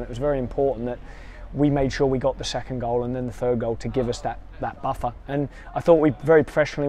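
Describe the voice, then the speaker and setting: Man, 30s, football coach, post-match interview, outdoors at the pitch, dark voice, quick pace. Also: a little hiss or hum. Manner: measured, talks in quick runs with restarts.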